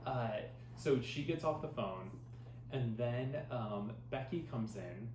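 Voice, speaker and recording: A man of mid pitch chats through a sitcom recap with lots of filler words and quick asides. His voice bounces around an echoey room, with a faint hum of ambience underneath. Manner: rambling, animated retelling with filler words. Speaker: podcast co-host. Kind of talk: casual chat recapping a sitcom.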